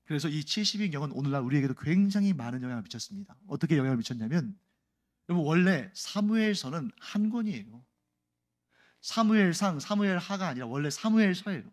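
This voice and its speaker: A man's voice: fairly high pitch, expressive, quick pace. A male pastor giving an explanatory Sunday sermon, often putting questions to the congregation.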